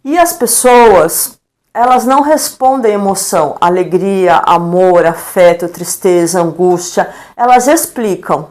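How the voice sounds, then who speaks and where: A middle-aged woman with a Brazilian Portuguese accent and a lowish, unhurried voice appears as a guest educator on a live-stream interview. She tells stories with energy, acting out the dialogue she quotes and tossing in frequent tag questions.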